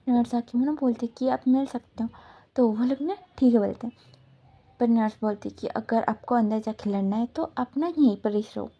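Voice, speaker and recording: A woman's voice: on the high side, moderate pace, warm tone. A woman casually retelling a romance story in a loose, chatty way, at times dropping to a whisper for tender lines. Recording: slightly dull audio with faint hiss.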